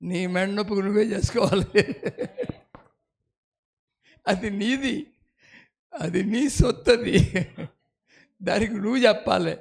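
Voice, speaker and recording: A man preaching a sermon as pastor, leading the congregation in call-and-response and swinging between quiet storytelling and loud exclamations. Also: high voice, slow pace, gravelly, long pauses.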